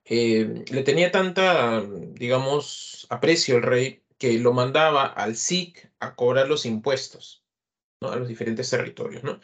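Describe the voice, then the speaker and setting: A man's voice: mid-range voice, measured pace. A man teaching a literature class online, explaining verse and rhyme in a patient lecturing style, with many fillers and tag questions. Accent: Peruvian Spanish.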